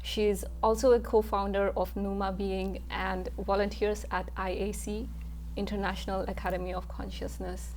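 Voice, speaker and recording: A woman hosting an interview, eager and friendly, with a middle-pitched voice. She introduces her guest with a few hesitant fillers, and a faint hiss of background noise runs under her voice. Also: little pitch movement, moderate pace, darkish tone. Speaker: host.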